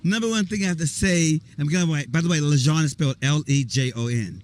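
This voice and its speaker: A man, an actor, chatting excitedly and rambling in a casual outdoor interview at a volunteer event. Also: a little high, a little fast. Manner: excited, rambling, spells things out. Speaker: actor guest.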